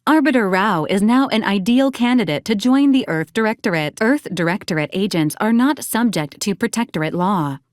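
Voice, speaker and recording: For scripted game dialogue, a woman plays a polite robot assistant unit that speaks literally, formally, and precisely, with a detached, clinical air. Her medium-pitched voice is expressive, close to everyday, at a moderate pace with few pauses. The studio-quality recording has no room sound.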